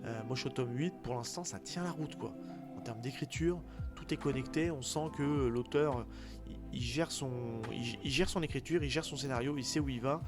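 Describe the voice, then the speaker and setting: A man's voice: mid-range voice, normal speed. A man with a tired, worn voice after a day out in the cold, chatting casually and enthusiastically as a podcast co-host reviewing manga. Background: music behind the talk.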